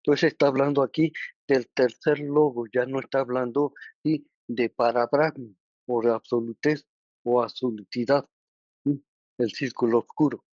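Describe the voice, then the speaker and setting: A man with a Mexican Spanish accent teaching a study group, halting and often pausing to check that listeners follow. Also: medium pitch, fairly even intonation, darkish tone, dry recording. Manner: checks understanding with frequent tag questions; halting, with many restarts and filler words. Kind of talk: explanatory lesson. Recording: dull, lo-fi recording.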